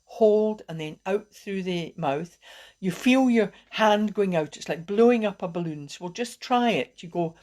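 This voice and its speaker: A woman wellbeing coach teaching calming techniques on a live video, talking in a gentle, encouraging way and often restarting her sentences. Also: mid-range voice, measured pace.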